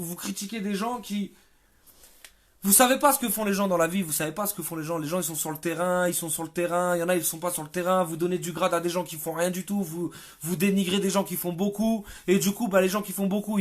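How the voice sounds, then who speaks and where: High-voiced male activist on a livestream, fed up, stumbling over repeated words. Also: a bit bright. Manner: halting, repeats words, exasperated. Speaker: protest activist. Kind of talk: livestream monologue.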